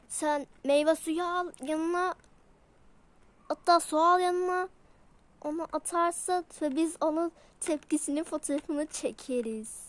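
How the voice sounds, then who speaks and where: A woman's voice: high-pitched, slight background noise. A woman doing a toy role-play, voicing several pet characters and switching between playful character voices. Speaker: toy video creator.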